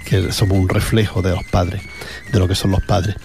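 Over music, a low-pitched man with vocal fry speaks at a moderate pace with little pitch movement. He's a casual radio host from Andalusia chatting between songs, rambling along with lots of fillers and repeated words.

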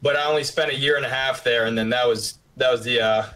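A man's voice: medium pitch, steady tone, quick pace, crowd noise, low-quality recording. A man of twenty-one from western Pennsylvania answers a podcast host's questions. He speaks plainly and matter-of-factly in a mid-range voice. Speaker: guest. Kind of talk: casual interview answers.

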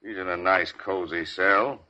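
A man's voice: low voice, measured pace, bright, forceful tone, full character voice. An actor playing a sardonic, needling 1930s beat cop, a hard-boiled city policeman in a vintage radio crime drama. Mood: needling, menacing. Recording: dull vintage radio recording.

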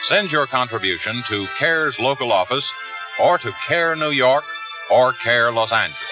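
A man's voice: medium pitch, lively intonation, moderate pace, dull audio, close to an everyday voice. A man working as a formal announcer on a vintage radio network broadcast. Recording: old broadcast under loud music.

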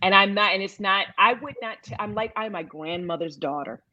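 A woman's voice: medium pitch, a little fast, pushed and bright, no echo, lo-fi sound. A middle-aged woman from Michigan, a salon founder giving advice in an interview, emphatic and repeating key phrases for stress. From Michigan, USA. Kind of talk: conversational interview.

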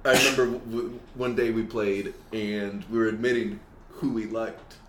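A man in casual chat, relaxed and hesitant, telling a childhood memory. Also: lowish voice, moderate pace. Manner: relaxed, hesitant with fillers and restarts. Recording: roomy echo with faint hiss.

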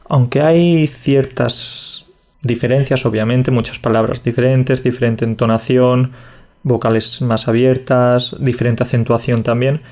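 Guy in his 20s from catalonia, podcast cohost, chatty, teaches phrases nice and slow. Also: medium pitch, a little mellow. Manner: patient, teaching phrases slowly. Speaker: podcast co-host. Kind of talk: casual podcast chat.

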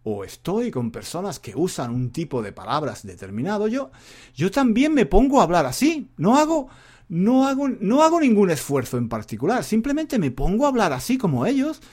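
This man teaches Spanish and hosts a podcast, and his voice here is husky, at a normal speed. His casual monologue lesson wanders, full of rising and falling pitch. Relaxed and talkative, he frequently repeats and returns to what he has already said.

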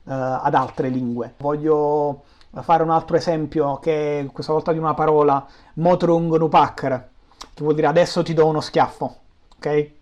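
A man's voice: fairly high pitch, level tone, normal speed, a little mellow, highs cut off. A man from Naples with a Neapolitan accent, explaining language in an informal interview, teaching through examples. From Naples, Italy.

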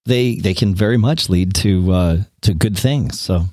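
A man's voice: sits low, a little slow, warm tone, dry recording, clean studio sound. A man co-hosting a podcast in casual chat, often repeating words as he starts his sentences. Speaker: podcast co-host.

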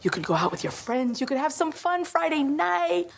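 Sweet coaxing mom, high voice, film clip with noise behind. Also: female voice, very animated, normal speed, vocal fry, heavily acted. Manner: soft, coaxing. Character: gentle soothing mother.

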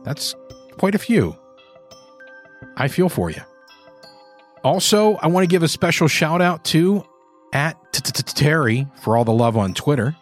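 A man's voice: on the high side, sing-song, unhurried, pauses often, faint music behind. A man hosting a podcast in a scripted presenter style. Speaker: podcast host and narrator.

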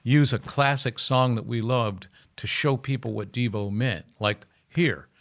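This older musician guest has a medium-pitched voice with vocal fry and a measured pace. Chatting casually in an interview, he spins anecdotes with energy, imitating the characters who appear in them.

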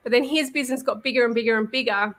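A woman's voice: fairly high pitch, rapid-fire, fairly bright tone. A woman, a web designer, talking casually in a panel chat, with many fillers.

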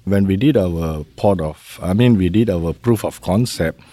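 A middle-aged man from Malaysia, speaking in a measured, conversational way as an interview guest and often tagging his sentences with "right?". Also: sits low, mellow. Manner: measured, uses fillers like "how you say" and "right?". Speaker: guest, maritime safety executive.

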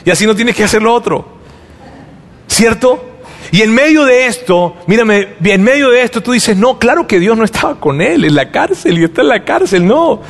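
A man's voice: high voice, big-room sound. A man preaching a sermon, telling a story animatedly and acting out the dialogue, with many repeated words. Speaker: pastor.

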